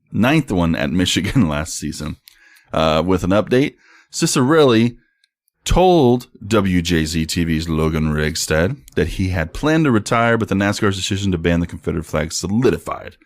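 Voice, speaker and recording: Blunt, deep-voiced young man, sports podcast. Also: no room sound. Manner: blunt, profane, laughs often, reads tweets aloud. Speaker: podcast co-host. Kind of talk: casual sports podcast chat.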